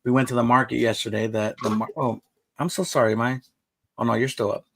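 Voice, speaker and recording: A man's voice: medium pitch, fairly even intonation, brisk, creaky, fairly bright tone, a little hiss or hum, rough recording. A man hosting a live stream, chatting in an easygoing, rambling way. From United States. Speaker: livestream host. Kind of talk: casual live-stream chat.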